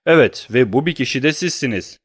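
A man's voice: medium pitch, animated, a little fast, husky, no echo, studio quality, voice pushed up. A man reading an audiobook who voices a cold, grimly furious young nobleman, talking in clipped, menacing tones.

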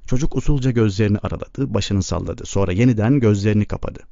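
A man reads a novel aloud in a calm, measured audiobook style. His voice is low and gravelly, dark in tone. The recording is dull and dry. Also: no echo. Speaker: narrator.

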